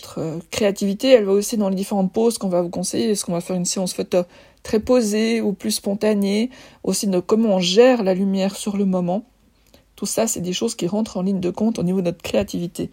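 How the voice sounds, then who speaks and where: A woman's voice: mid-range voice, mellow. A woman with a lisp on her s sounds, explaining things informally and conversationally as a photographer presenting.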